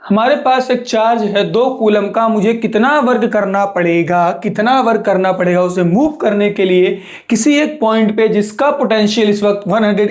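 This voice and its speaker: Indian man teaching exam numericals. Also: high-pitched. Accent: Indian English. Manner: explains step by step, asks and answers his own questions. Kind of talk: exam revision lesson.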